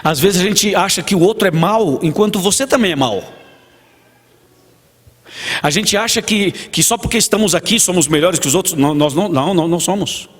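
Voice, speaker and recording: A Brazilian pastor with a Portuguese accent preaches in a church hall, telling stories, acting out dialogue, and putting questions to the congregation. His voice sits high with lively intonation and a brisk pace, wrapped in long church reverb.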